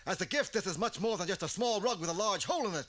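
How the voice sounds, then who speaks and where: A man's voice: high-pitched, expressive, fast talker, a bit bright. A man voicing a slick young cartoon carpet peddler who wheedles in hipster slang. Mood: wheedling.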